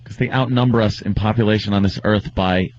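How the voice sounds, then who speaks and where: A man's voice: lowish voice, fairly even intonation, brisk, no echo. A man trading jokes with his co-hosts on a radio talk show, incredulous and teasing. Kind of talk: casual radio banter. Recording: dull lo-fi radio broadcast.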